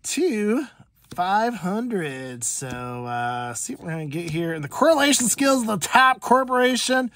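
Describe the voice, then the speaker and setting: A man's voice: high-pitched, big pitch swings, measured pace, pushed and bright, no room sound. A man casually talking through a pack opening as channel host, chatty and rambling with lots of fillers. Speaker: card collector and channel host. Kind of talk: casual card-opening commentary.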